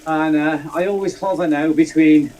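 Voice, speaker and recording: An older man, talking in a relaxed, mellow voice that sits a little high for a man. He rambles through his stories with plenty of restarts, and a faint noise runs underneath. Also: moderate pace, poor audio. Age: 60s. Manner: rambling, self-deprecating storyteller. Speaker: guest. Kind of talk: casual chat.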